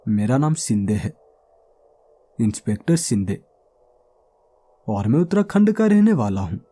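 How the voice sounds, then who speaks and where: Man, from Maharashtra, horror story narrator, mellow dark tone, dramatic pauses. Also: fairly low pitch, big pitch swings. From Maharashtra, India. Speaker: storyteller narrating as a police inspector.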